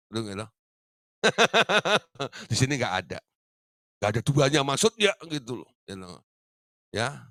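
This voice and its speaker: Lively pastor with bright voice. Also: male voice, mid-range voice, no room sound, clean studio sound. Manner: lively, chuckles often, acts out quoted reactions. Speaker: pastor teaching a discipleship class. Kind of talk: sermon.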